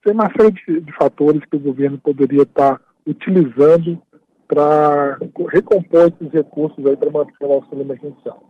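A man speaking by phone as a radio interview guest, explaining at a steady pace and often tagging his phrases with a questioning "right?". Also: on the high side, normal speed, breathy edge, no room sound. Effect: heard over a phone line. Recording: tinny dry phone line.

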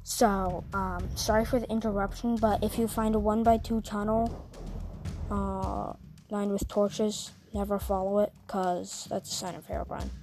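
Slow, hesitant woman telling a story. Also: medium pitch, level tone, a little mellow, slight background noise. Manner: hesitant, many ums. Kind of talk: casual storytelling.

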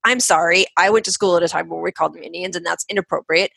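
A woman's voice: on the low side, fairly even intonation, fast talker, vocal fry, bright, forceful tone, slightly rough, dry recording. Chatty woman podcast co-host. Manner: chatty, rambling, lots of "like". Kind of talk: casual chat.

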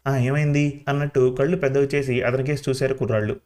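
A man's voice: mid-range voice, fairly even intonation, very fast, darkish tone. Man reading a village story aloud. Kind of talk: scripted story narration.

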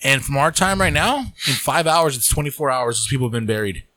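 Male podcast co-host, bright tone, dry close sound, loose swearing chat. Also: mid-range voice, brisk, no echo. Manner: loose, swearing, animated storytelling. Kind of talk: casual chat.

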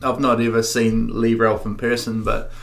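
A man's voice: mid-range voice, monotone, normal speed, gravelly. A man hosts a casual chat, his voice sitting in an ordinary middle range. He asks questions in an easygoing, slangy way. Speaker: podcast host.

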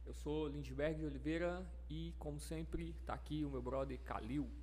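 A man with a Brazilian Portuguese accent speaks in a slightly high voice. He co-hosts a podcast, chatting casually with lots of slang and informal address. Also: moderate pace, mellow, a little hiss or hum. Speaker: podcast co-host.

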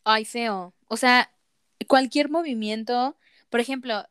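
A young woman with a Mexican accent talks casually in an animated, exasperated way, swearing and laughing as she goes. Her voice sits a bit high and comes across smooth and clear. The recording is close and dry, with no room sound. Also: slow pace, dry recording. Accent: Mexican Spanish. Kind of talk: casual chat.

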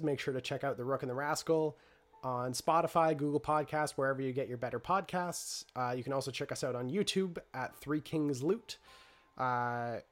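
A man hosting a tabletop role-play podcast, wrapping up the show in an upbeat way with lots of "uh" fillers. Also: fairly high pitch. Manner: upbeat, promotional, with many "uh" fillers. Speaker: storyteller and podcast host. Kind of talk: podcast sign-off.

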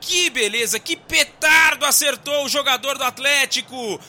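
High-pitched Brazilian man, explosive goal commentary. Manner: excited, drawn-out goal shouts and emphatic names. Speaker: football play-by-play commentator. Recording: loud music bed under the voice. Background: loud background music.

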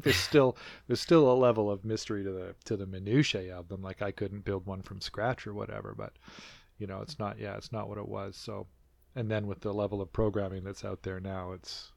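A man's voice: on the low side, vocal fry, no echo. A man from North America talking casually as a podcast co-host, rambling with lots of fillers and restarts. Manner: rambling, many fillers and restarts, laughs often. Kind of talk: casual chat.

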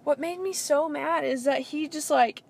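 A woman's voice: sits high, normal speed, creaky, a little mellow. A young woman co-hosting a casual pop-culture podcast, rambling with lots of filler words. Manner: rambling, filler-heavy with frequent "like". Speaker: podcast co-host.

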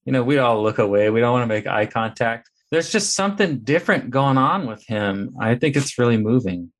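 A man hosting a casual podcast roundtable, talking in an animated way and acting out quotes in a raised voice. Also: medium pitch, fairly quick. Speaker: podcast host.

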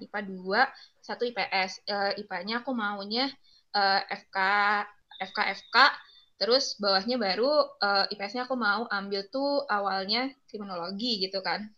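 Young female interviewee, casual rambling storyteller, bright tone, muffled recording. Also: mid-range voice. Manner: chatty, rambling, many fillers.

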